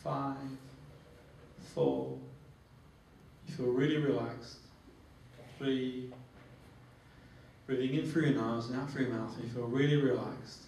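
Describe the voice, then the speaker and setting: A man leads a live therapy training demonstration in a mid-pitched voice, repeating his phrases as he instructs. He is recorded from a distance in a very echoey room, with faint noise. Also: expressive, takes it slowly, pauses often, darkish tone.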